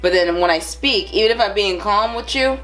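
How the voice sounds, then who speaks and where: A woman vlogger in her thirties, from the Bronx but with a Brooklyn accent, talks chattily to camera with many fillers, rambling asides and amused laughs. Her mid-range, slightly bright voice goes fairly quickly over soft background music, and the recording is rough.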